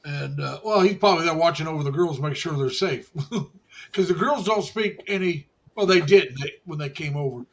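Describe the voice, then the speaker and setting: Speaking at a moderate speed in a slightly high voice, a sixty-something co-host chats loosely on a livestream. He wanders from point to point and frequently starts his sentences over.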